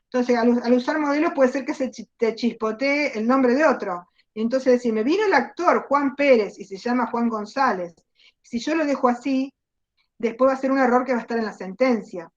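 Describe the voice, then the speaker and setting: An Argentine woman gives a university lecture over a video call, laying out her points patiently and stopping to question the class. Her voice sits a little high, and the call audio sounds dull and lo-fi. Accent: Rioplatense Spanish. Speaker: university teacher. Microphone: computer mic on a video call.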